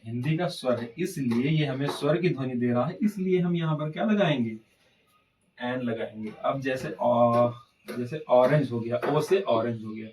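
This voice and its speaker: A man's voice: mid-range voice, a little mellow, recorded from a distance, slight background noise, rough recording. A man teaching an English grammar lesson, asking questions and answering them himself. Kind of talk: classroom-style grammar lesson.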